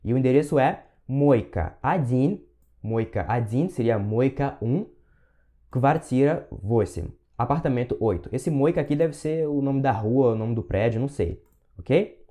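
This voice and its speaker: A man gives a language lesson in a mellow, dark voice. He talks learners through each word patiently and slows down to repeat phrases so they can copy them. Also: medium pitch, animated. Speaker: Russian teacher.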